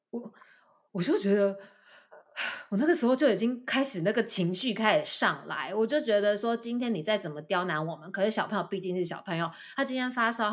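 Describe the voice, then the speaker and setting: A woman with a Taiwanese Mandarin accent, chatting casually on a podcast and telling stories as a teacher, acting out the parents she quotes. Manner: animated storytelling, acting out a parent in a high voice. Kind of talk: casual chat, storytelling.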